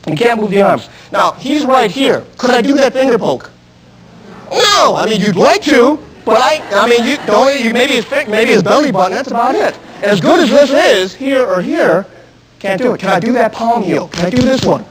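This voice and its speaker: A man teaching a self-defense class, coaching step by step and shouting drill commands. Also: extremely high pitch, animated, normal speed, a crowd in the background, poor audio. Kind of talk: live class instruction. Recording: archive 1990s instructional video.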